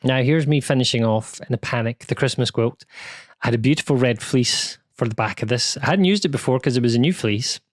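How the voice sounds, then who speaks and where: Man, British accent, casual chat, self-deprecating, middle pitch, dry room. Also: fairly quick, no room sound. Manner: chatty and self-deprecating, with many asides and restarts. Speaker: quilting channel host. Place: home sewing room.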